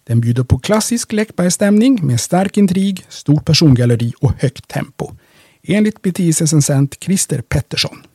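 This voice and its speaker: A man reading library audiobook tips from a script in a measured, steady way. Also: a little high, slightly rough, dry recording, clean studio sound.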